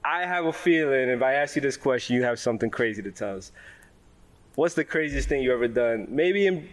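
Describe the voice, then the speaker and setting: A man's voice: mid-range voice, lively intonation, a little fast. A male host with a mid-range voice. He speaks in a casual, conversational way as he interviews a guest. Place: large car warehouse.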